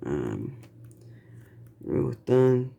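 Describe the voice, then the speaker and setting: A man, a student, reads his class notes aloud haltingly, with frequent restarts and fillers, then shows his assignments. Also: mid-range voice, very animated, vocal fry, mellow, muffled recording. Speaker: student presenting his portfolio.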